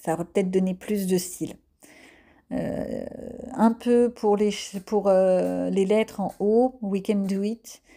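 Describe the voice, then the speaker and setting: A woman's voice: medium pitch, fairly even intonation, slow, gravelly, mellow. A woman giving a casual voice-over of her coloring session as an art vlogger. She talks in a chatty, self-mocking way, with frequent hesitant fillers.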